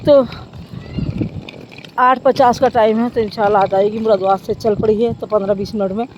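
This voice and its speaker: A woman's voice: medium pitch, fairly even intonation, moderate pace, background noise. A middle-aged woman, chatting casually to her vlog viewers and often thanking God. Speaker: vlogger. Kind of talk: casual vlog chat to camera.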